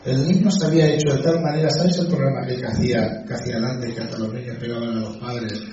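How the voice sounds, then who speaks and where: Middle-aged pastor, chatty sermon, dark voice, dull far-off mic in a big echoey room. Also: male voice, mid-range voice, steady tone, fast talker, a little hiss or hum. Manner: conversational, frequent "¿sí?" and "¿sabes?" asides. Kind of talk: sermon with personal anecdote. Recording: dull distant echoey church hall.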